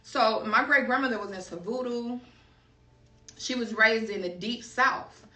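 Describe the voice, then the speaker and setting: A talkative woman from Chicago reads tarot for her viewers in a casual way, wandering off into personal stories and calling them y'all. Her voice is bright and a little high. It comes from a bit away from the mic in an echoey room. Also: unhurried, distant mic. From Chicago, USA. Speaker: tarot card reader.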